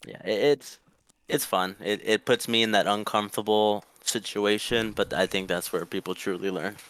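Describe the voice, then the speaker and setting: A young man from Mexico chats with his coach over a voice call, polite and upbeat, often restarting mid-sentence. His voice sits low but sounds bright and crisp, recorded close and dry. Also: steady tone, moderate pace. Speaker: student player. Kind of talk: casual chat.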